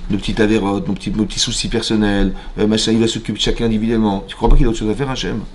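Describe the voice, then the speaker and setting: Animated man teaching a Torah class. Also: on the low side, very fast, a little hiss or hum. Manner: animated, keeps checking in with listeners; frequent repetitions and restarts, occasionally dropping to a hushed voice. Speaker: rabbi. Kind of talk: informal Torah lecture to a live class.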